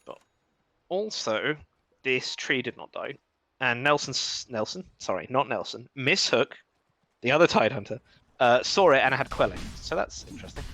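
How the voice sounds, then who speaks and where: A man casting a live esports match, chatty and wry with quick reactions. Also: mid-range voice, sing-song, fairly bright tone, dry recording. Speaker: esports caster. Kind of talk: live game commentary.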